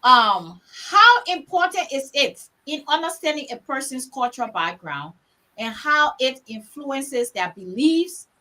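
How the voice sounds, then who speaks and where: A woman's voice: on the high side, sharp tone, low-quality recording. A woman from Liberia with a Liberian accent, moderating a panel discussion in an emphatic, storytelling way that repeats words for stress.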